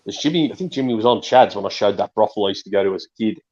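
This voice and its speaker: An Australian man with a husky voice chatting casually in street slang, saying bro and repeating himself for emphasis. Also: lowish voice, animated, rapid-fire, a little mellow. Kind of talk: casual group chat. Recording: dull lo-fi audio.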